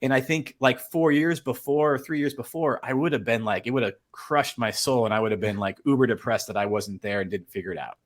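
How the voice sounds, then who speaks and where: A man's voice: medium pitch, fairly quick, hardly any pauses. A man talking casually as an interview guest, rambling earnestly with many fillers and restarts. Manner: earnest, emotional storytelling. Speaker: storm chaser guest.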